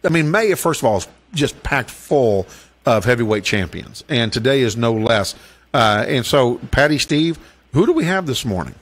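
A man's voice: mid-range voice, sing-song, normal speed. A man hosting a morning talk radio show, playful and upbeat in his announcing. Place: radio studio. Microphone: studio broadcast mic. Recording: radio broadcast with music underneath.

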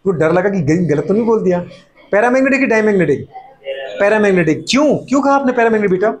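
A man's voice: high voice, expressive. A middle-aged man teaching chemistry to a class, firing off rhetorical questions and playfully scolding students, sometimes voicing their replies. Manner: fast repeated catchphrases and rhetorical questions. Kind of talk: classroom lecture.

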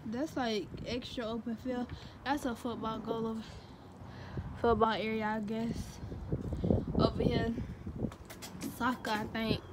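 A young woman talks to her viewers from a park in loose, slangy vlog chat, a little out of breath. Her voice sits a bit high. The handheld phone audio carries clear outdoor noise around her. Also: flat delivery, measured pace, long pauses. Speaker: vlogger.

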